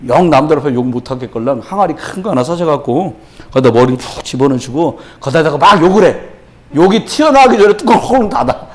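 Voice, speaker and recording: A pastor preaching a Friday evening sermon, animated, shouting out acted-out quotes and dropping to a hush, chuckling through his own stories. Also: a little high, brisk.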